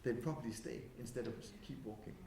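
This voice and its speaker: A man's voice: mid-range voice, fairly even intonation, fast talker, gravelly. Man speaking in an echoey hall. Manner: engaging, quizzes the audience, swings from loud to soft. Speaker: conference speaker. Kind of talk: lively conference talk. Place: windowless conference hall. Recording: echoey hall with faint noise.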